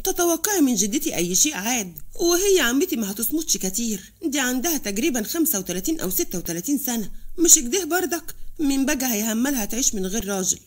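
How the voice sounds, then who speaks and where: A woman's voice: a little high, sing-song, quick pace. A woman voicing a caring young man, an engineer, who speaks with an Upper Egyptian accent and reassures his mother earnestly. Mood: reassuring.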